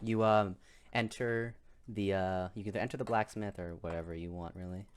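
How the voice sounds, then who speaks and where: A young man narrating a tabletop game as game master, halting and restarting often. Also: lowish voice, steady tone, a little hiss or hum. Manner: halting, many restarts and fillers.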